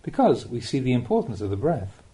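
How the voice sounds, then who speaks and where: Very animated and warm in tone, with a medium-pitched voice, a Buddhist monk reads a spiritual teaching from a script for an audiobook. His phrasing stays measured and deliberate, with rhetorical questions woven in.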